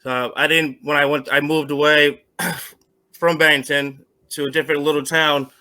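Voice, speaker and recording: A middle-aged man from Vermont answering interview questions on a call, halting with many restarts and fillers. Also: on the high side, level tone, bright, forceful tone. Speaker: guest, former semi-pro football player.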